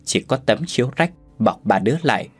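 Man, storyteller, scripted narration, expressive, husky voice, faint background music. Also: fairly low pitch, brisk.

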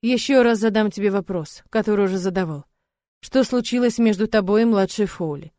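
A woman's voice: mid-range voice, a little fast, warm tone, no echo, natural voice. A woman voicing a stern father who speaks curtly and dryly. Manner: curt, dry.

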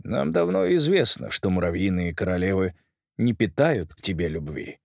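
A male reader voicing a calm, polite male curator who speaks in a measured way. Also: low-pitched, gravelly, dry recording, studio quality. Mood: cool.

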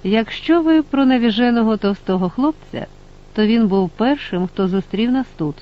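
A man's voice: sits high, expressive, moderate pace, dull audio, voice pushed up. A man voicing a curious, talkative father. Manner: inquisitive.

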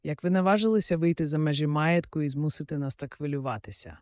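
Man voicing old knight, hearty, blustering, booming exclamations, dry close sound. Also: quick pace, darkish tone, dry recording, close to an everyday voice. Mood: flustered.

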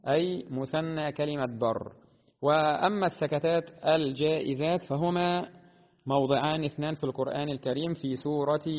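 Man, recitation teacher, deliberate explanations, chants verse examples, slightly high voice, lingering reverb. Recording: dull lo-fi sound with long reverb.

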